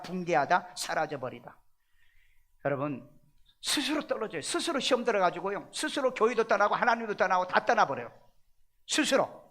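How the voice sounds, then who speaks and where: A pastor preaching a sermon in church, pressing his congregation with rhetorical questions and swinging between loud, stressed phrases and hushed asides. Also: sits high. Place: church sanctuary.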